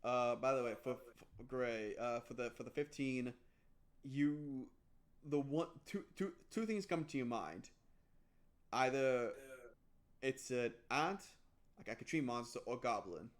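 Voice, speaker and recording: A young man narrating a tabletop game as game master, stumbling over words and restarting often. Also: medium pitch. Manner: halting, many restarts and fillers.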